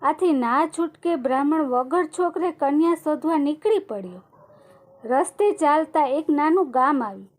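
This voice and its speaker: A woman narrating a devotional folk tale in a steady, plain storytelling manner. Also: high voice, normal speed.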